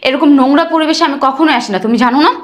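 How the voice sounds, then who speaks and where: A woman's voice: high voice, very fast, lightly acted. An actress playing an arrogant rich young bride who hurls scornful insults at her poor in-laws. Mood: indignant. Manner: shouting insults, sneering. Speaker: actress in a short drama. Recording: echoey room.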